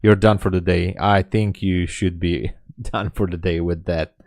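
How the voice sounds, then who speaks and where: This streaming day trader, a man in his late thirties, answers viewers in a relaxed, frank, self-mocking way. His low, deep voice is steady, a little slow and a little mellow, and the sound is dry and close-miked with barely any echo.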